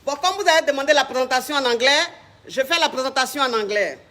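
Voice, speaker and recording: A man as a flamboyant comic coach, teasing callers and bossing them about, with stretches of halting, mock-pompous English. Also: very high voice, pushed and bright. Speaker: self-styled coach taking calls. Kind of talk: comic call-in show.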